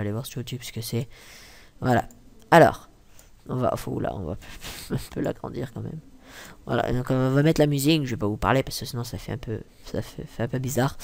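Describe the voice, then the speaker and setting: A young man talking through a casual software tutorial, rambling with many fillers and self-corrections, muttering asides and apologizing for swearing. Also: mid-range voice, creaky. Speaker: tutorial maker. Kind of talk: casual screen-recording tutorial.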